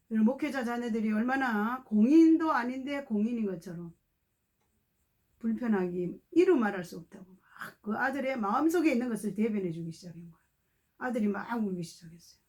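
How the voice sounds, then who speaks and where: A woman's voice: on the high side, darkish tone. A woman guest preacher telling a testimony to her congregation, acting out the voices of the people in her story and speaking to the listeners directly. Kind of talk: testimony sermon.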